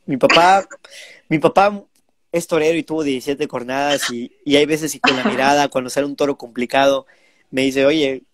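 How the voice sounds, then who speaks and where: Against background noise, a twenty-two-year-old bullfighter with a Mexican Spanish accent tells stories animatedly in a casual interview, imitating his parents. His voice is medium-pitched and brisk.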